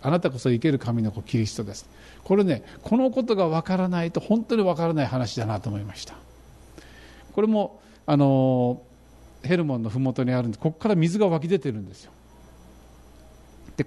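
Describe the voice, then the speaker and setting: A middle-aged man preaching a sermon, animated and fervent, describing travel photos to his congregation. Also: fairly high pitch. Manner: animated, rising to fervent emphasis. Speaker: pastor.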